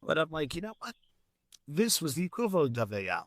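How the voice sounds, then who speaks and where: A man's voice: on the high side, very animated, a little fast, dry recording. A man co-hosting a podcast, sarcastic and prone to long rants in casual chat. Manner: sarcastic, ranting. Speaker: podcast co-host.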